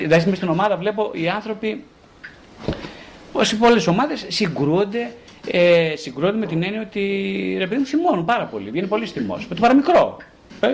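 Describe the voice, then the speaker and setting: A male psychotherapist with a voice that sits high talks casually about relationships. He's rhetorical and animated, acting out the voices of the people he quotes.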